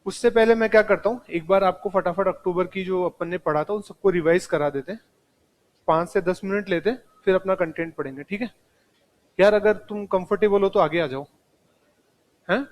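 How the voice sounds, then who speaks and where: A man's voice: sits high, fairly quick. A man teaching a live classroom lecture, speaking straight to his students and mixing in English terms.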